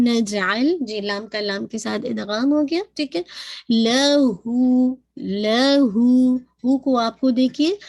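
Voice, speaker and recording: A woman teaching Quran recitation, her voice sitting a little high. She speaks slowly, stretching out each word as she demonstrates it, then explains with English terms mixed in. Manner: slow, drawn-out demonstrations of recited words between explanations.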